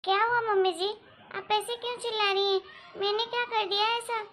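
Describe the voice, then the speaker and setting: A woman voicing an eager young newlywed bride in an animated story, sweet and pleading. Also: very high voice, fairly quick, voice pushed up. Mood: confused. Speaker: daughter-in-law.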